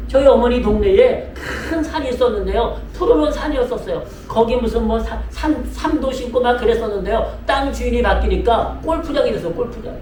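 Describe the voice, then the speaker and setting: A man's voice: very high voice, darkish tone, a little hiss or hum. A man preaching a sermon as pastor, speaking to his congregation with lots of repetition and direct appeals. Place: church sanctuary. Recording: echoey room mic from a distance.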